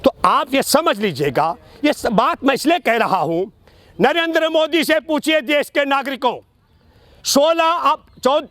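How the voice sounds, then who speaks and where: A man's voice: very high voice, expressive, unhurried, a bit bright, dry recording. A man delivering emphatic, argumentative political commentary in an oratorical way, building his case point by point and repeating phrases for stress. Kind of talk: political commentary speech addressed to an interviewer.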